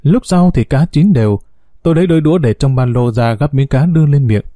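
Mellow-voiced male storyteller. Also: mid-range voice, a little fast, no echo, studio quality. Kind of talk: scripted story narration.

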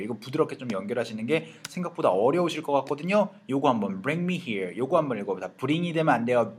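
A man teaching English pronunciation in Korean, saying words slowly over and over for learners to copy. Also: medium pitch, fairly bright tone. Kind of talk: lesson with drills.

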